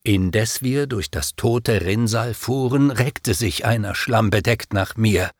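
A man narrating an epic poem in a declamatory, expressive reading. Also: on the low side, slow, dry recording, clean studio sound.

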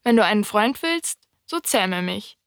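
A woman voicing a wise, wistful fox in an audiobook reading, speaking in a calm, thoughtful, explaining way. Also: medium pitch, unhurried, dry recording, clean studio sound. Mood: patient.

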